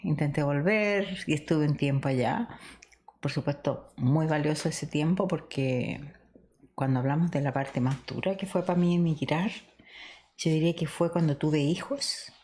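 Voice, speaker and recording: A woman's voice: deep voice, slight background noise. A middle-aged woman from Chile, co-hosting a podcast and telling stories of her past in a reflective, conversational way, laughing often. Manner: warm, reminiscing, laughs often. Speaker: podcast co-host.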